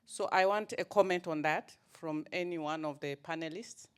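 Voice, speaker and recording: A woman's voice: sits low, normal speed, clear, resonant tone. A woman from Zambia, asking a conference panel direct, orderly questions. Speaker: audience member asking questions, water regulator staff.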